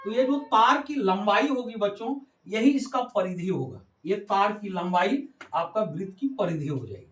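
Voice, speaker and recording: A man's voice: high voice, lively intonation, normal speed, a bit bright, soft background music. A male math teacher explaining a geometry lesson to children, repeating points and calling on the kids again and again, with a Hindi accent. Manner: repetitive, addresses the kids constantly. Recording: roomy, from a distance.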